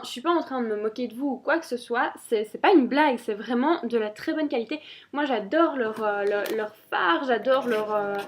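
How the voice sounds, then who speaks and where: A woman's voice: high voice, slight background noise. A woman, chatting through a casual product review with many fillers and restarts. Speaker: beauty vlogger.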